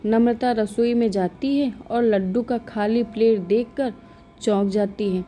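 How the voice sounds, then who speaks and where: A woman narrating a scripted moral story in a calm, even storytelling manner. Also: a little high, unhurried, a little hiss or hum.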